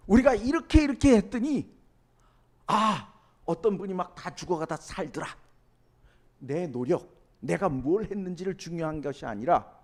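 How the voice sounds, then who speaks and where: A man with a high voice preaches a sermon as a pastor. He keeps asking the congregation questions and then answers them himself, swinging from loud, emphatic lines down to hushed asides.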